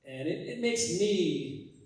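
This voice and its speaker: Deadpan stand-up man in a roomy theater. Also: high-pitched. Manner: deadpan, halting delivery with many fillers. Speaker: stand-up comedian. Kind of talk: stand-up comedy set. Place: theater stage. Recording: roomy hall sound from a distance. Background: audience laughing.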